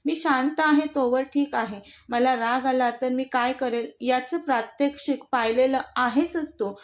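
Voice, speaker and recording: A woman's voice: high voice, a little slow. A woman voicing a brash, teasing young husband in a storybook reading, with a mocking, bossy manner. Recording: dull lo-fi recording.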